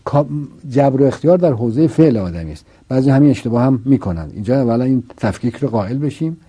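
Dark husky man teaching philosophy. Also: medium pitch, expressive. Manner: argues with rhetorical questions and repetition. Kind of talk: didactic philosophical explanation.

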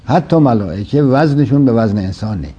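A man in a reflective religious discussion, explaining slowly and quoting scripture. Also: medium pitch, animated, warm tone, husky. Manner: measured, explanatory, quotes Quranic verses. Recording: dull lo-fi sound.

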